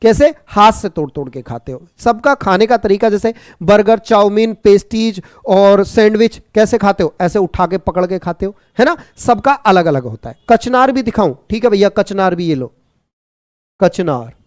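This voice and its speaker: A man teaching an online exam-prep class, brisk and repetitive, teasing and jokingly scolding his students. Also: high voice, lively intonation, no room sound, studio quality.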